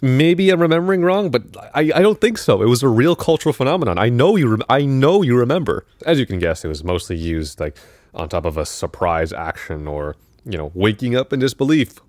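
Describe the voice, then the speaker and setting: A man's voice: medium pitch, sing-song, fairly quick, a little mellow, no room sound, soft background music. A man narrating a video essay in a casual, conversational way, with asides and self-corrections.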